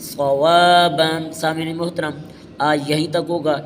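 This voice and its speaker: Man, Urdu accent, Quran reading teacher, very slow spelling-out recitation, slightly high voice, long hall reverb, faint background noise. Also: steady tone. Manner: spells each letter with its vowel mark, then joins the syllables into a drawn-out word.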